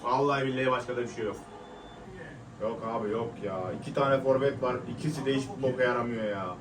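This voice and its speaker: A young man giving live reaction commentary on a match, frustrated and swearing as he shouts at the players. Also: medium pitch, quick pace, noisy background. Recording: echoey room, mic at a distance.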